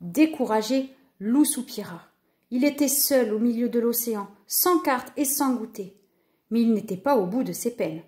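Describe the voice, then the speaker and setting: A woman narrating a children's storybook with lively, expressive reading. Her voice sits a touch high for a woman. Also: moderate pace.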